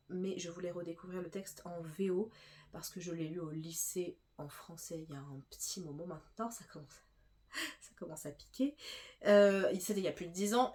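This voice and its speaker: A woman's voice: lowish voice, warm tone. Chatty young woman with a stuffy nose. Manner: chatty, many fillers and restarts. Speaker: booktuber. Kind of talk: casual book haul chat.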